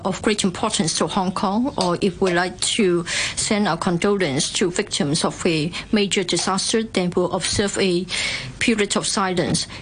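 A woman interpreter giving a simultaneous translation voice-over, measured with small hesitant fillers. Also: medium pitch, slight background noise, low-quality recording. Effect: translation voice-over of a speaker. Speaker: legislature interpreter.

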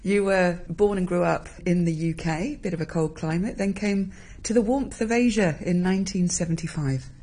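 Husky-voiced woman hosting an interview. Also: lowish voice, normal speed, warm tone. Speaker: radio programme host. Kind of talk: conversational interview.

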